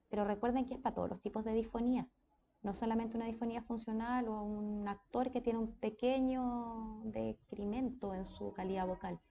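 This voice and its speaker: A woman's voice: fairly high pitch, warm tone, highs cut off, slight background noise. A woman with a Chilean accent giving a casual speech therapy lecture, often checking in with her students. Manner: conversational, checks in with frequent "¿ya?".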